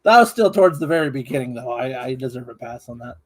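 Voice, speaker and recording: A man's voice: mid-range voice, lively intonation, fast talker, slightly rough. A man co-hosting a live stream in casual chat, talking in a rambling, hedging, conversational way.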